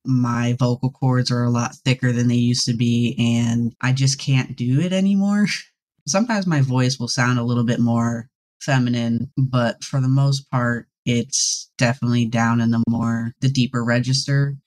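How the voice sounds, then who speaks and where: A young man, a guest in a casual interview, talking with a dry, deadpan sense of humor and laughing often. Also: mid-range voice, moderate pace, a little hiss or hum. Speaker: guest player.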